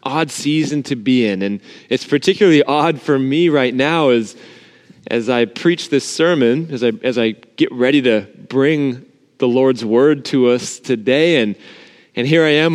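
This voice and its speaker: Pastor man with cathedral echo. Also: on the high side. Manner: informal, earnest, talks directly to the congregation. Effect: cathedral-like echo of an empty sanctuary. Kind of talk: recorded sermon to an empty church. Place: empty church sanctuary. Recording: long reverb of an empty sanctuary.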